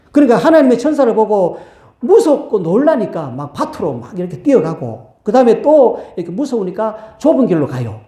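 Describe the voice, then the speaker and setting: A man preaching a sermon as a pastor, telling a Bible story in an animated way and acting out its voices, recorded in a church. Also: high voice. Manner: animated, acts out the quotes in the story. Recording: echoey church hall.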